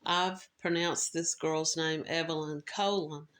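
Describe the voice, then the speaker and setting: A woman's voice: sits low, fairly even intonation, unhurried, fairly bright tone. A woman hosting a true crime podcast, telling the story in a casual, conversational way with restarts and filler words.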